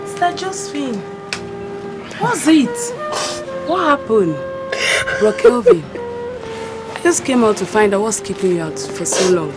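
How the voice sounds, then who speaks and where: An actress playing a young churchgoer asking anxious questions. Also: female voice, a little high, expressive, unhurried, long pauses. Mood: concerned. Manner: questioning, worried. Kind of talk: film drama acting. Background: background film music.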